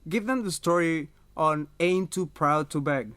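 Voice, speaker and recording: A man's voice: fairly high pitch, a little slow, a bit bright, smooth. A man asking questions as an interviewer.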